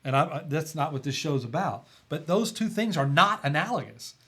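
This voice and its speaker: Earnest emphatic man, higher voice. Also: lively intonation, normal speed, fairly bright tone. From Tennessee. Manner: earnest, emphatic, stumbles and restarts. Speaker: podcast guest, volunteer chaplain. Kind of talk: conversational podcast talk.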